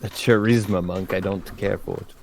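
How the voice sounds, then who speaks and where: A man's voice: deep voice, steady tone, normal speed, darkish tone. A man making terse interjections in casual tabletop game banter. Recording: clear background noise, clicks.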